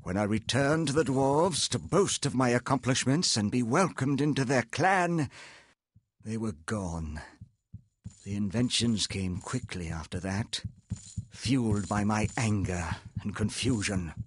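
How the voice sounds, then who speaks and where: A man playing a wealthy self-made inventor in a video game, telling his story in a measured, earnest, formal way, proud and regretful. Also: on the low side, animated, slightly rough, no room sound, clean studio sound. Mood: haunted, bitter. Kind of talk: reading video game dialogue aloud. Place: indoor home streaming setup, close and dry.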